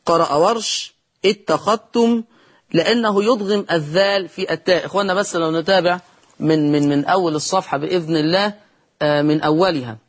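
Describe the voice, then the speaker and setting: A man with an Egyptian Arabic accent teaching Quran recitation in a televised lesson, patient, addressing viewers directly, slowing down to chant example words before explaining each rule. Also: sits high.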